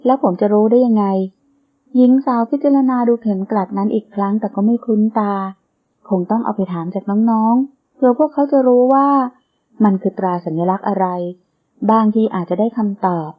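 A woman narrating a romance novel in a steady storytelling manner. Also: fairly high pitch, normal speed. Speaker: audiobook narrator. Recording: tinny phone-like sound.

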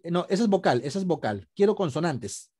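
Patient male teacher, lively mellow voice. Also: fairly high pitch, fairly quick, husky. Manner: patient, explains step by step, asks students questions. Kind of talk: online class lesson. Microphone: video call.

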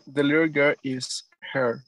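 Hesitant student reading very slowly. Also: mid-range voice, level tone, a bit bright. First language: Spanish. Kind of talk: reading examples aloud in class.

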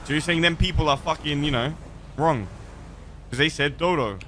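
A man's voice: on the high side, moderate pace, a bit bright, a little hiss or hum. A young man streaming a roleplay game, chatting in character in a laid-back, teasing way. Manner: laid-back and teasing, drawling with easy laughs. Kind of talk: casual in-character roleplay chat.

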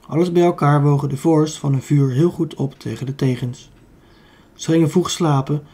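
A Dutch-accented man reads a children's book aloud as an audiobook reader, catching and fixing small slips along the way. His voice is on the high side, mellow and husky.

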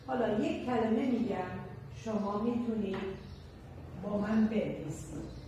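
A woman teaching an English class, spelling and repeating words slowly for her pupils. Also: medium pitch. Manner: slow, spelled-out word drills with repetition. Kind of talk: classroom lesson explaining vocabulary. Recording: echoey, distant room mic with faint noise.

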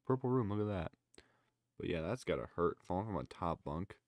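Low-voiced young man reacting casually. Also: animated, brisk, a little mellow, dry recording. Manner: loose running commentary with exclamations. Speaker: reaction video creator.

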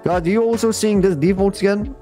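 A man's voice: high voice, a little fast, dark tone. A man chatting casually and slangily as he hosts a live game stream and comments on players to his audience. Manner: slangy, addressing viewers and players as bro and guys. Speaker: live streamer hosting a game fashion show. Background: music playing behind the voice.

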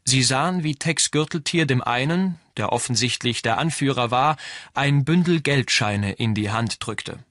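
A man reading a novel aloud as audiobook narrator, in an even storytelling delivery. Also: mid-range voice, normal speed, no room sound, clean studio sound. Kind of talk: scripted narration.

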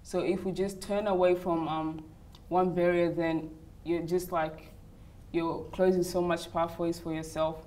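Brief: young woman, lower voice, chatty interview guest, lapel mic. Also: little pitch movement, measured pace, a little mellow. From Uganda, raised in Australia. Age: young adult. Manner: chatty, many "like" and "you know" fillers. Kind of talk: casual interview answers. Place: hotel lounge, indoors.

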